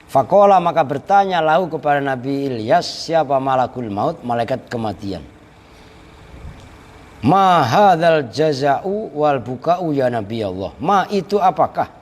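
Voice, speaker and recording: A man's voice: medium pitch, lively intonation, unhurried, in a large hall. A man teaching a traditional religious text, reading and translating it word by word, with playful joking asides to his students. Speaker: Islamic boarding school teacher.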